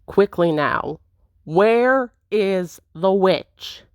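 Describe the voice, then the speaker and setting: A woman's voice: medium pitch, expressive, very slow, clear, resonant tone, dry recording, studio quality. A woman reading a visual novel aloud, voicing a brash, theatrical masked male intruder with a swaggering, dramatic manner.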